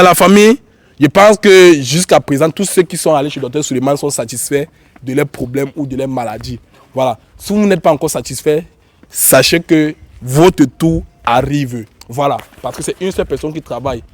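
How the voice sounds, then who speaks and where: A man with a Cameroonian accent and a cold hosts a YouTube show, chatting informally and repeating himself as he talks to viewers and guests. His voice sits a little high and moves at a normal speed. The recording is dry.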